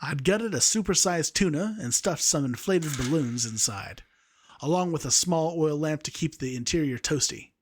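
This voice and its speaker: A man's voice: on the high side, lively intonation, moderate pace. A young man reading a story aloud, amused by the text he narrates. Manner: amused, breaks off to laugh at the text.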